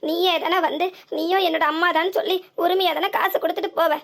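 A woman's voice: very high-pitched, fairly even intonation, quick pace, fairly bright tone. A woman voicing a poor, proud old village woman with a southern Tamil Nadu accent, pleading and reproachful. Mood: hurt. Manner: pleading, self-pitying reproach.

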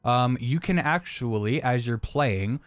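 A man's voice: medium pitch, expressive, a little slow, dry recording, faint music behind. Young guy, rambling let's-play co-host, swears easily, dry close voice. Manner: rambling, swears freely, jokey. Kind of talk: casual gameplay chat.

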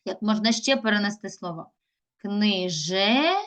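In a recorded video lesson, a middle-aged woman who teaches primary school speaks to young children in an ordinary, medium-pitched voice with lively intonation. When sounding out words, she often slows down and draws them out syllable by syllable.

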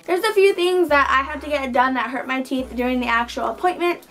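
A woman's voice: high voice, fairly quick, fairly bright tone. A young woman chatting casually to camera as a vlogger in her bedroom. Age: teens to young adult. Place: small bedroom indoors.

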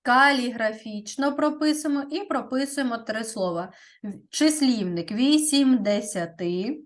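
A woman teaching a primary school grammar lesson, speaking deliberately and often checking in with "так?". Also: on the high side.

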